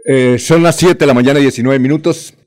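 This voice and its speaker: A man's voice: mid-range voice, brisk, a little mellow, soft background music. Male radio host, morning news slot, short plain delivery reading questions. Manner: brief, reads listener questions. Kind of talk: radio morning show hosting.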